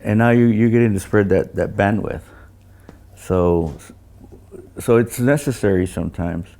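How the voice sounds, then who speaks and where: An older man with a low, gravelly, mellow voice chats casually, like a seasoned engineer sharing anecdotes. He speaks haltingly and doubles back on his words. He designs loudspeakers.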